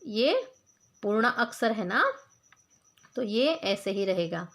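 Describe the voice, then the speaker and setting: Woman, school teacher, unhurried, patient, repeats herself, quizzes the class, drops in English words. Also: mid-range voice, expressive, a bit bright. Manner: patient, repeats points and asks the class questions; spells words out slowly sound by sound. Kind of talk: Hindi grammar lesson for children.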